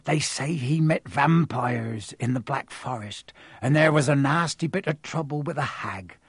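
A man doing Hagrid, a big rough-spoken giant. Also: medium pitch, a little slow, no room sound. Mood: chatty. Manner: homely, ungrammatical speech.

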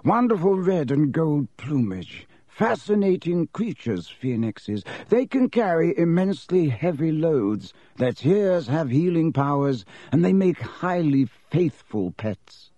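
A man voicing an old, wise wizard headmaster who speaks gently and unhurried in an audiobook. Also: fairly high pitch, sing-song, no echo, dull audio, voice pushed up, heavily acted. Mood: amused. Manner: gentle, unhurried, chuckling warmth. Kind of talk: audiobook character voice.

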